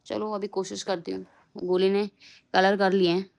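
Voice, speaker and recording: A woman's voice: medium pitch, flat delivery, moderate pace, gravelly, a little mellow. A young woman from Uttarakhand, India, chatting casually in a home vlog and now and then scolding her small son. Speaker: vlogger. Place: home, indoors.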